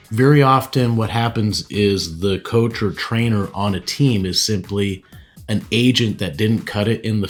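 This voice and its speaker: A man speaking to camera as a real estate team leader, giving practical advice in a conversational way and often checking in with "all right" and "right". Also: lowish voice.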